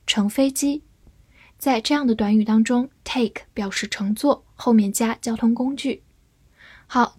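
A woman giving a scripted vocabulary lesson, spelling words out letter by letter and reading example sentences slowly. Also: a little high, a little mellow, breathy edge, dry recording. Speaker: English teacher.

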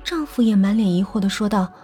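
A woman narrating a ghost story dramatically, slowing down and hushing at the tense moments. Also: mid-range voice, lively intonation, husky. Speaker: storyteller host. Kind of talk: horror audiobook narration. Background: faint music.

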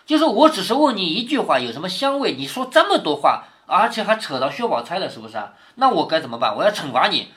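A man's voice: high-pitched, sing-song, fast talker, hardly any pauses, fairly bright tone. A man reading a classic novel aloud to his daughter, stopping to explain passages and ask her questions. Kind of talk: storytelling with commentary.

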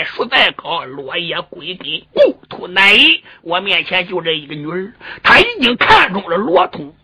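A man voicing a solemn, pleading old marshal in a lower, heavier tone. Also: pushed and bright, slightly rough, heavily acted.

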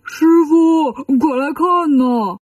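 A woman voicing a lazy, greedy pig-man monk who whines and pleads in drawn-out tones, for a children's story. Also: a little high, lively intonation, mellow, husky, dry recording, muffled recording. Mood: whining.

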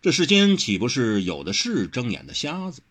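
A man narrating a martial-arts novel as an audiobook in an expressive, storytelling manner. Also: medium pitch, normal speed.

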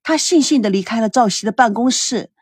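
A woman reads a dramatic story aloud in an expressive scripted manner. Her voice is high and breathy, recorded dry and close. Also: a little fast, no room sound. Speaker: story narrator.

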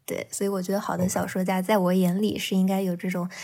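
A woman's voice: lowish voice, level tone, fast, vocal fry, warm tone. A woman novelist talking candidly and reflectively in a casual podcast conversation, with a laugh here and there between thoughts. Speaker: novelist guest.

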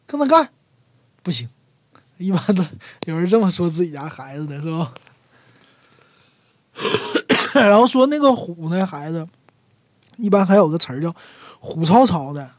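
A speaker from Northeast China, explaining dialect words in a chatty Northeastern Mandarin accent at an ordinary, middle pitch. The sound is close and dry, with almost no room around the voice. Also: a little mellow, dry recording. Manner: chatty, acts out everyday sample phrases. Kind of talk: casual explanatory talk.

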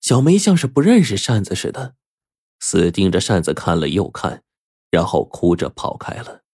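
Deep-voiced male storyteller. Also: moderate pace, breathy edge, no echo, clean studio sound. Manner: lively, expressive narration. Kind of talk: storytelling narration.

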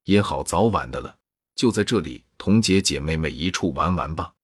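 A fussy old nursemaid who grumbles and scolds about wine, as a man reads her in a storybook. The voice is deep and husky in a dry room. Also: animated, normal speed, dry recording, full character voice. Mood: scolding. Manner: read in the narrator's own voice.

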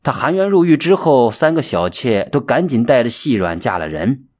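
A male storyteller narrates a folk tale with dramatic expression and a lively, wide-ranging voice. His tone is husky and breathy at a middle pitch. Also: moderate pace. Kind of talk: audiobook storytelling.

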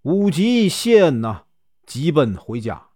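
A man's voice: fairly high pitch, big pitch swings, a little mellow, dry recording. Northeastern guy telling an old story, chatty, voice goes up and down a lot, dry close mic. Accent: Northeastern Mandarin. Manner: chatty, many drawn-out filler particles. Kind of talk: casual storytelling of a classic tale.

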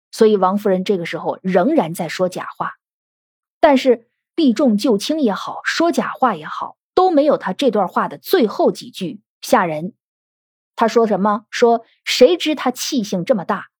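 Breathy woman posing rhetorical questions. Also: medium pitch, no echo, studio quality. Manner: analytical, full of rhetorical questions. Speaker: literature commentator. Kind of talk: podcast commentary on a classic novel.

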